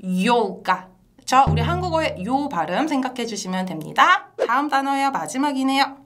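A woman hosting a language lesson in an animated style, laughing often and quizzing her co-teacher. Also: sits high, brisk, faint music behind. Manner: bright and animated, laughs often, asks questions to engage viewers. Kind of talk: lively two-person language lesson.

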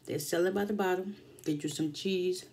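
A woman's voice: lowish voice, normal speed, darkish tone. A middle-aged woman chatting casually on a mukbang eating show, talking as she eats and humming as she savors the food. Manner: talking while eating, savoring hums between phrases. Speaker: mukbang vlogger. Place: small indoor room at home. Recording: faint household background noise.

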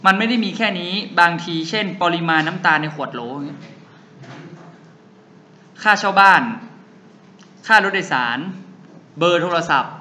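A young man teaching a physics lesson who keeps asking his students quick rhetorical questions and answering them himself. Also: sits high, animated, pushed and bright. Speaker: physics tutor. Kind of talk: classroom lecture. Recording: faint background noise.

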